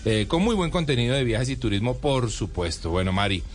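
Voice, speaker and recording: Casting: male co-host, mid-pitched, easygoing, joking banter. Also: a little fast, soft background music. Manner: joking, relaxed. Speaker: radio co-host. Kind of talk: casual radio banter.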